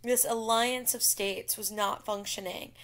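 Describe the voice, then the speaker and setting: A woman's voice: mid-range voice, steady tone, unhurried, fairly bright tone. A woman giving a classroom history lecture over slides, explaining to students and addressing them directly. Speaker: teacher.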